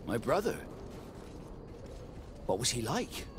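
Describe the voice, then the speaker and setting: Game captain role: earnest, guarded sailor, very varied intonation, noisy ambient backdrop. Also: male voice, mid-range voice, big pitch swings, slow pace. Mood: moved, reflective. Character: naval captain, Vasco, earnest man seeking his origins. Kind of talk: video game cutscene acting.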